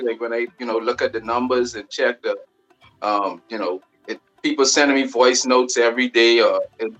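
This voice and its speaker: A man's voice: medium pitch, a bit bright, poor audio. A man from the Bahamas with a Bahamian accent, a new artist talking loosely over a video call, full of fillers. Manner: loose and rambling, many fillers. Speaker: new recording artist, guest. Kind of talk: casual interview chat.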